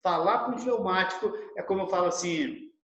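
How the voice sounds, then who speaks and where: Animated high-voiced man lecturing. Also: a little fast, highs cut off. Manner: animated, acts out little dialogues in his examples. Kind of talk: lecture over a video call. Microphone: video call microphone. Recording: roomy echo on a video call.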